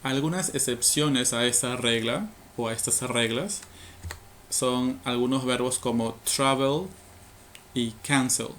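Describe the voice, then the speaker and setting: A man's voice: medium pitch, slow, a bit bright. Man, English teacher, methodical, patient, filler-heavy, faint background noise. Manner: patient, methodical, many fillers and tag questions. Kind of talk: explaining grammar rules to learners.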